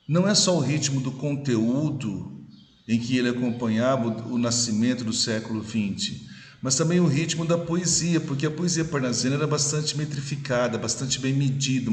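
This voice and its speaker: A man's voice: medium pitch, normal speed. Brazilian man teaching poetry, echoey room. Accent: Brazilian Portuguese. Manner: explanatory, reads verses aloud and counts syllables. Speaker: literature teacher. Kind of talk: poetry analysis lesson. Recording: echoey room with long reverb.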